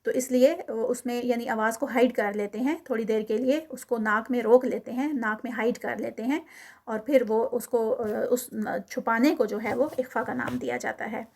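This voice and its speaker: Woman teaching slow Quran recitation. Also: fairly high pitch, steady tone. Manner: slow drawn-out model recitation, then quiet quick explanation. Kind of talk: recitation lesson, Urdu with English terms.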